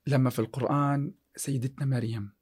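Fast-talking with fairly even intonation, a man's mid-range voice sounds a little mellow with a breathy edge. The podcast guest, a chemistry teacher, casually discusses success and faith, quoting scripture amid many restarts.

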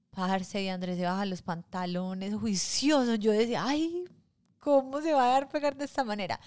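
A woman's voice: medium pitch, clean tone. Chatty woman co-host reacting. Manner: reacts warmly, with frequent interjections. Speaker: podcast co-host. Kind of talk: casual chat.

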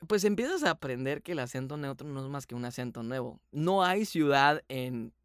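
A man's voice: mid-range voice, animated, moderate pace, clear, resonant tone, no room sound. Earnest Sonoran man, dry close sound. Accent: Sonoran Mexican Spanish. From Sonora, Mexico. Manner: earnest, grateful, explains at length. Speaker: voice actor and production manager, guest. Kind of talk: casual podcast interview.

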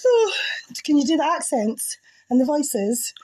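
A woman's voice: high voice, very animated, unhurried, a little mellow, rough recording. A woman co-hosting a casual chat, playful and teasing, prone to giggling. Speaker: podcast co-host.

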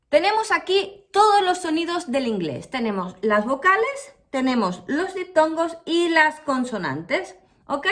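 A young woman, giving a casual, slangy online English lesson in a lively, chatty way. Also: high voice, roomy sound, in a large hall. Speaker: English teacher.

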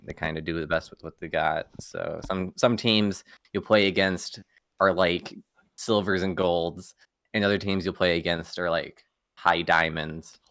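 Low gravelly young man, laid-back. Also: steady tone, a little slow, fairly bright tone, no echo, clean studio sound. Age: young adult. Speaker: collegiate esports player, guest. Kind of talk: casual podcast chat.

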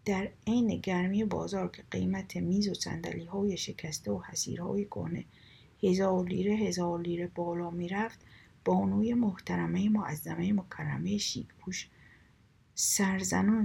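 A woman's voice: lowish voice, steady tone, creaky, mellow, breathy edge. A woman reading a humorous literary story aloud in a dry, wry voice, dropping some asides to a half-whisper. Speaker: story reader.

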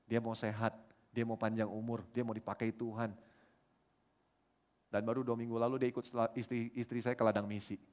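Animated storytelling male preacher. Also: mid-range voice. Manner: storytelling, animated, acts out quoted dialogue. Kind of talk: sermon. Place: church service.

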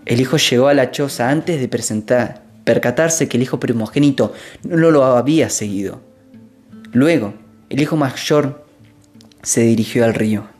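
A narrator reading a story aloud in an expressive, measured way. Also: medium pitch, faint music behind.

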